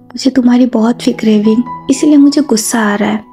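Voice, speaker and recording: A woman's voice: a little high, fairly quick, dark tone, faint music behind, close to an everyday voice. A woman voicing a protective mother who scolds insistently out of worry. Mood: scolding. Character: stern worried mother, protective and quick to anger.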